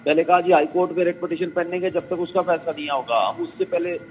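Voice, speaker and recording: A man speaking as a guest lawyer on a phone-in interview, making measured arguments and quoting others. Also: fairly high pitch, fairly even intonation, a little hiss or hum. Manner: measured legal arguing, quotes others. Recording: tinny phone line with faint music.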